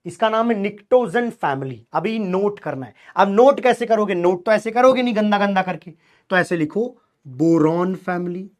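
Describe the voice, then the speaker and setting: A man's voice: sits high, normal speed. A male chemistry teacher lecturing a class, drilling students with call-and-response questions in a colloquial, teasing way.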